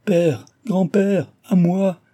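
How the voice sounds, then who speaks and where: A man's voice: medium pitch, normal speed, dark tone, natural voice. A man voicing a frightened but defiant young woman, indignant and crying out in terror. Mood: terrified.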